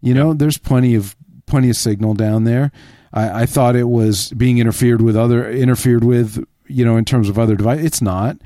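A man's voice: medium pitch, fairly even intonation, brisk, warm tone, no room sound, clean studio sound. A man co-hosting a tech podcast, chatting in an informal, opinionated way. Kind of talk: casual chat.

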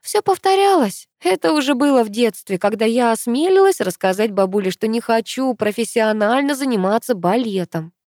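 A woman's voice: on the high side, animated, moderate pace, hardly any pauses, darkish tone, no echo, studio quality. A woman narrating a novel in the first person, with a heightened, emotional delivery. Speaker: audiobook reader.

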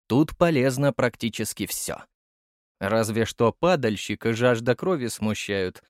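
Male first-person audiobook narrator, expressive, animated delivery. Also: mid-range voice, dry recording, clean studio sound.

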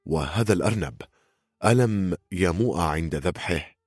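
A man voicing a cold, precise English gentleman traveler who speaks curtly in an audiobook. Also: deep voice, expressive, moderate pace, no room sound, clean studio sound. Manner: cold and curt.

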